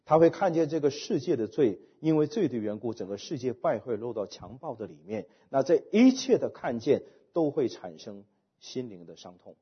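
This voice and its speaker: Husky-voiced man preaching with lively pitch. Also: normal speed, muffled recording. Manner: emphatic preaching with rhetorical questions, trailing off softly at phrase ends. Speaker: pastor. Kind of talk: sermon.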